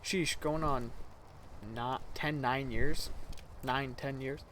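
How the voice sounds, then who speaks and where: Slow and fairly even in intonation, a man in his twenties talks in a medium-pitched, slightly bright voice with some background noise. He's a YouTuber rambling casually to viewers, chatty and correcting himself, and says his voice sounds childish.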